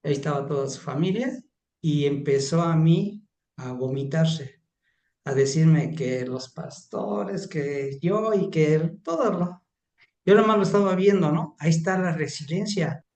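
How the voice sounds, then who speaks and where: A man's voice: fairly high pitch, a little slow, darkish tone. A man, a pastor and counselor, sharing a rambling, emphatic story in an online class. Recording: roomy echo.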